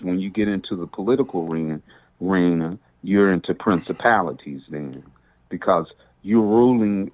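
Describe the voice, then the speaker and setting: Man on speakerphone, bishop, low voice, thin phone-line sound, rambling preacher talk. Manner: rambling, preacherly, quotes scripture. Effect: speakerphone on a cell phone call. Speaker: bishop calling in. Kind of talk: casual talk over the phone.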